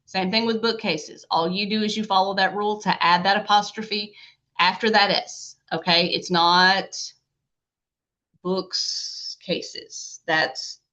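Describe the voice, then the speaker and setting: Chatty woman teacher, bright voice. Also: medium pitch, steady tone, moderate pace. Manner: chatty, checks in with frequent "okay?" and "right?". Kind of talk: recorded grammar lecture. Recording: dull lo-fi lecture audio.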